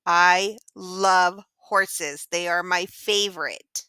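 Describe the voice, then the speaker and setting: A cute, cheerful little pixie pig, voiced by a woman, hosts a children's farm-sounds lesson. He talks slowly in a bright, clear voice. He gushes and keeps urging the kids to try along, and the recording is close and dry. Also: fairly low pitch, fairly even intonation, dry recording, exaggerated voice. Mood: sweet, encouraging. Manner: gushing, encouraging, asks kids to join in. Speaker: children's show host.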